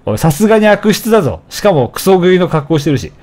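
A man narrating his own gameplay in a relaxed, chatty way that keeps swinging into loud taunts. His voice sits a little high and leaps up and down constantly. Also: fast. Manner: animated, taunts enemies, shouts at the game. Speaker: let's play commentator. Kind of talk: casual gameplay commentary.

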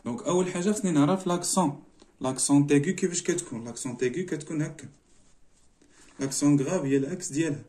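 A middle-aged man with a Moroccan accent teaches a French spelling exercise, moving between languages and saying each word slowly twice. His voice is mellow and relaxed but pitched a touch high for a man. He explains each step patiently, like a classroom teacher. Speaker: primary school teacher. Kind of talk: French lesson walkthrough mixing Moroccan Arabic and French.

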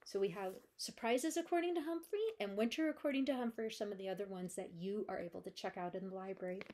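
A woman librarian reading a children's chapter book aloud with gentle, steady storytelling. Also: medium pitch, fast, a little hiss or hum.

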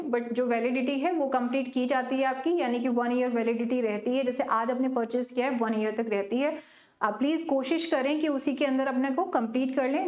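Woman, Indian accent, high pitch, chatty teacher, echoey room. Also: darkish tone. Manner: chatty, scolding, reads questions out slowly. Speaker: online English literature teacher. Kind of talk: live exam-prep class, mixing Hindi and English.

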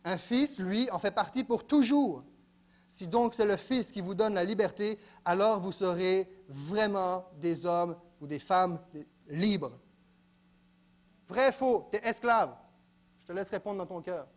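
A man preaching a sermon in a church, dropping to quiet asides and then rising to loud exclaims. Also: high-pitched, takes it slowly. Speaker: pastor.

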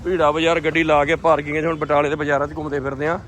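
A man's voice: fairly high pitch, little pitch movement, rapid-fire, fairly bright tone, slight background noise. A man with a Punjabi accent from Indian Punjab, chatting casually for a family vlog in a jokey, teasing way and often repeating his phrases. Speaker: vlogger.

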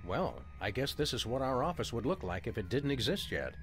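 An actor voicing a big, easygoing, unflappable dog detective with a wry, folksy manner in a cartoon game. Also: male voice, mid-range voice, very animated, a little fast, close to an everyday voice. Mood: wry, genial.

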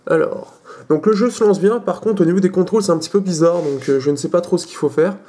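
A man's voice: high voice, quick pace, mellow. A young man hosting a casual tech demo, talking with many hesitations, fillers and restarts as he walks through settings. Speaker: tech video host.

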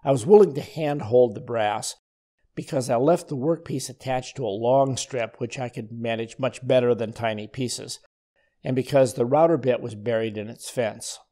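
An older man narrates in a calm, methodical way, as if walking a student through each step. His voice is mellow and relaxed, with a middle pitch. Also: moderate pace. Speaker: woodworking instructor. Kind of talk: scripted voice-over narration.

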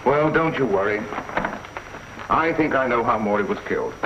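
Shrewd, unflappable inspector, played by an actor; varied, expressive delivery; muffled vintage TV sound. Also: male voice, mid-range voice, normal speed, lightly acted. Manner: cool, probing, dry understatement. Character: calm shrewd male police inspector. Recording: dull 1950s TV soundtrack, faint hiss.

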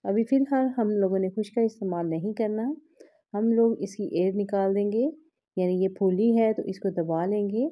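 A woman's voice: medium pitch, normal speed, muffled recording. A woman, patiently explaining a recipe step by step as she works at a home kitchen counter. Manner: patient, explains each step while working with her hands. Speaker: cooking vlog host. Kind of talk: step-by-step cooking instruction.

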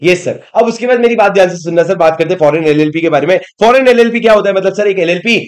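A young man giving an energetic online revision lecture on law, switching between Hindi and English terms and quizzing his students as he goes. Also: sits high, fast, smooth.

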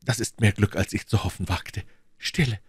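A man's voice: lowish voice, fairly even intonation, brisk, a little mellow, breathy edge, no echo, pitched above the performer's own voice. A man doing an ardent young swordsman. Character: ardent young male swordsman, bold and devoted. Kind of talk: audiobook reading, acted dialogue.

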